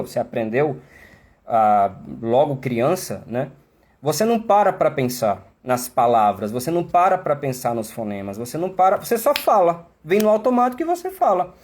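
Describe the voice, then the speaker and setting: A man's voice: on the high side, a little mellow. A man teaching English in a live online class, speaking Portuguese with a Brazilian accent, chatty and explanatory, often checking in with his listeners. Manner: chatty, explanatory, many tag questions.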